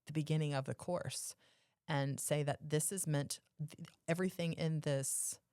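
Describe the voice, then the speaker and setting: A woman's voice: low voice, steady tone, normal speed, dark tone, no room sound, clean studio sound. A woman co-hosting a podcast, explaining her points casually and emphatically, often rephrasing them. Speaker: podcast co-host.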